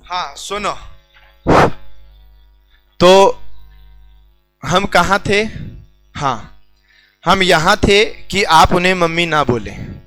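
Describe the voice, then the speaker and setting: A man's voice: high-pitched, extremely slow, long pauses, a bit bright, faint music behind, poor audio. A man teaching a class in a joking lecture style, teasing the students and talking straight to them. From India.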